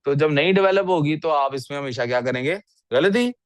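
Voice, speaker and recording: A man's voice: fairly high pitch, brisk, smooth, dry recording. A male English teacher on a video call, reviewing student writing and questioning the class, mixing English into his speech. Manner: questions the class often, mixes English into Urdu.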